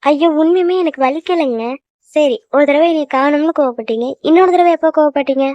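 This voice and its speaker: A woman voicing a quick, shy young sweetheart. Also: high-pitched, no echo, natural voice. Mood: reassuring. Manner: gentle and reassuring. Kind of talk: cartoon voice acting. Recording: dull lo-fi, dry.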